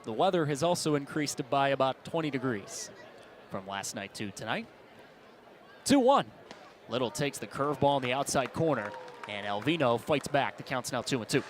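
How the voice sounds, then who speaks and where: At normal speed and in an animated, mid-range voice, an American man delivers live baseball play-by-play. His calls are clipped and present-tense, made to swell on big plays, and ballpark ambience with outdoor stadium noise runs behind him.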